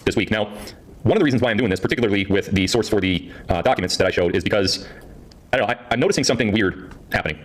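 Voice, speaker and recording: A man streaming live to his viewers through a voice changer that shifts his voice deep, talking casually and rambling, often repeating himself. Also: rapid-fire. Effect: deep pitch-shifting voice changer.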